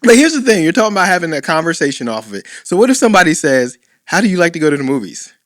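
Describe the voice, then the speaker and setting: A man co-hosts a dating podcast in easy, playful chat. His somewhat high voice swings widely in pitch as he acts out quoted lines, and the sound is dry and close-miked. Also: sing-song, very fast, a bit bright, dry recording. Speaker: podcast co-host, dating coach. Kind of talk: casual chat.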